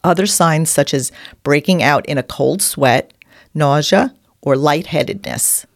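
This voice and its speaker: A woman's voice: deep voice, a little slow, creaky, no echo, studio quality. A woman with a New York accent co-hosting a conversational health discussion. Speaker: podcast co-host.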